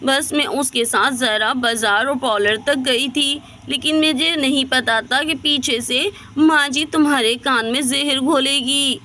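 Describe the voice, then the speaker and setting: A woman's voice: sits high, fairly even intonation, a little slow, hardly any pauses, sharp tone, a little hiss or hum, pitched above the performer's own voice. A woman voicing a dramatic, defensive young wife in a doll story. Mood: hurt, accusing. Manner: pleading, defensive. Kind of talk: storybook voice acting for a doll video.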